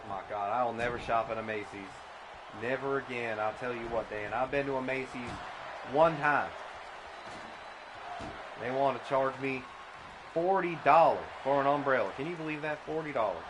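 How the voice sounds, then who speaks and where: A man doing comedic mock wrestling commentary, deadpan and absurd, often stammering into restarts. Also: mid-range voice, normal speed. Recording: noisy background.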